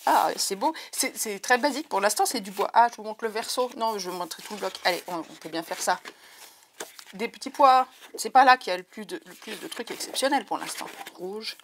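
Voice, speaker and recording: A woman's voice: mid-range voice, lively intonation, brisk, a bit bright, slight background noise. A woman on a crafting vlog, overexcited and talking through a headset, gushing and repeating her words as she chats to viewers. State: overexcited, heart pounding. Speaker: crafting vlogger. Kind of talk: excited unboxing chat.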